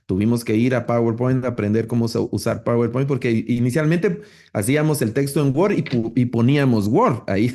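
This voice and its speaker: A middle-aged man, giving a relaxed, conversational online lecture on preaching with frequent rhetorical tags. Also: medium pitch. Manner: relaxed, explanatory, with many fillers and rhetorical tags. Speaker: preaching course instructor.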